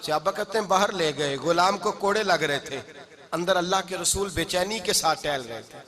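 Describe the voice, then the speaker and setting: Fervent preacher, high-voiced man. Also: normal speed. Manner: fervent, swells to shouting, sing-song cadence. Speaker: Islamic preacher. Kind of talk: impassioned sermon. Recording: live gathering with audible crowd.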